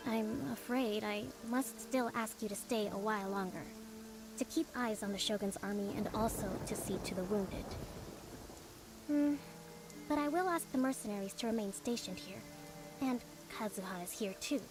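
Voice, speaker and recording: A woman's voice: medium pitch, moderate pace, over music, close to an everyday voice. A woman voicing a composed young priestess who leads a resistance in a video game, speaking politely and formally. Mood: gentle, grateful.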